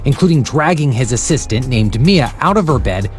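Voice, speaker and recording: Lively-pitched male news reporter. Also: moderate pace, faint music behind. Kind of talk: scripted news package narration.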